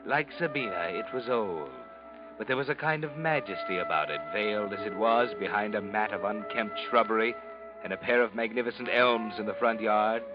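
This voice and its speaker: A man's voice: lowish voice, natural voice. The Whistler, a man as ominous radio mystery narrator. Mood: brooding. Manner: theatrical, brooding, deliberate. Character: ominous, all-knowing shadowy male narrator of dark tales. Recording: dull vintage radio recording. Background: dramatic music.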